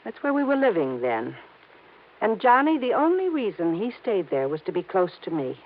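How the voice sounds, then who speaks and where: An actress voices a young, well-off woman in a 1950s radio play, captured on a tinny vintage broadcast. The character is anxious, hesitant and earnest, delivered in a very animated mid-range voice at a moderate pace.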